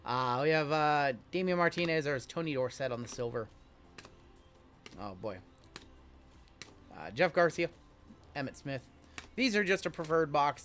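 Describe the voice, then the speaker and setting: A man from Iowa with a fairly high, somewhat bright voice hosts a live card break. He chats casually while opening cards and reads the chat aloud, joking as he goes.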